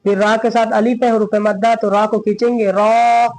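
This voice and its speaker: A man teaching a Quran reading lesson with a Hindi-Urdu accent. He patiently asks questions and answers them himself, and he recites the verses slowly and draws them out. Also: high-pitched, flat delivery, darkish tone, poor audio. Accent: Indian Hindi-Urdu. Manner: slow, drawn-out recitation of verses.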